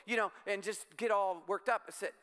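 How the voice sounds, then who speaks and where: A man's voice: high voice, normal speed, pushed and bright, long reverb tail. A middle-aged man preaching a sermon as pastor, emphatic and exhorting, with repeated calls to the congregation.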